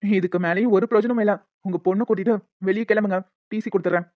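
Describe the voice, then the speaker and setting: Man as a strict principal, dismissive, fast talk, lo-fi. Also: sits high, fairly even intonation, dry recording, lightly acted. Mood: stern. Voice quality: stern, dismissive. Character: strict male school principal. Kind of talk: cartoon voice acting. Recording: dull lo-fi dry recording.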